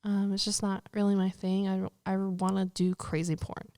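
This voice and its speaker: A woman with a mid-pitched voice chats as a podcast guest. She talks freely, swears often and laughs easily. The recording is dry, with no room echo. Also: little pitch movement, normal speed, dark tone. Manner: chatty, profane, laughs easily. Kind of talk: casual interview chat.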